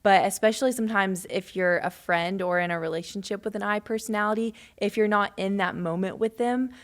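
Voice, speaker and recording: Woman, podcast co-host, conversational explaining, mid pitch. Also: a little fast. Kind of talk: casual ministry podcast discussion.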